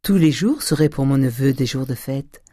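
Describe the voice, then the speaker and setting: A reader voicing a small, plump priest who speaks in a flattering way. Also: medium pitch, normal speed, no room sound, clean studio sound, natural voice.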